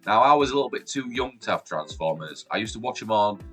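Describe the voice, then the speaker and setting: Talking fast over soft background music, a forty-something Yorkshireman hosts a casual countdown vlog on YouTube. He sounds chesty from a cold yet stays chatty and upbeat, with lively leaps in pitch and loudness, recording in a home room with shelves behind the camera.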